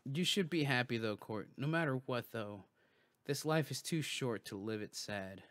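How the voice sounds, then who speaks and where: A man's voice: medium pitch, expressive, moderate pace, fairly bright tone, no echo. A man hosting a livestream, talking casually and musing aloud with loose restarts and swearing. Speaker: livestream host. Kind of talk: casual rambling monologue.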